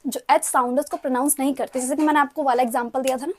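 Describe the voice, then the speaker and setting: A young woman with an Indian accent gives a relaxed online language lesson. Her voice sits high, and she talks in a chatty way, slipping between Hindi and English. She keeps nudging her students to try each word aloud. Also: racing. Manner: chatty, mixes Hindi with English, coaxes viewers to repeat words. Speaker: language teacher. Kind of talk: casual online lecture.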